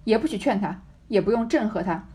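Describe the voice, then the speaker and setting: A woman doing a proud, sharp-tongued young noblewoman from a classic storybook. She lays out her grievances with bitter self-pity and answers challenges with cold defiance. The tone is mellow and a little husky. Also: mid-range voice, lively intonation, a little fast. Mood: defiant.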